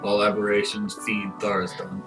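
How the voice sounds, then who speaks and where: A man's voice: on the low side, monotone, normal speed. A man running a tabletop game as game master, explaining the world's lore to his players. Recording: distant mic, music bed.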